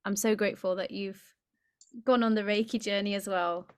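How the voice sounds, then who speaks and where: A woman's voice: medium pitch, steady tone, normal speed, smooth, no echo, studio quality. Effusive woman hosting a video call. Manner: encouraging and effusive. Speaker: host.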